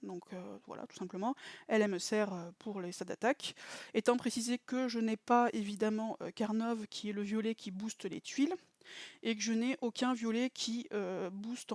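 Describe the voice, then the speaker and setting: A woman's voice: mid-range voice, darkish tone, dry recording. A woman giving a casual game strategy breakdown. She hesitates now and then to recall details and repeats emphatic warnings.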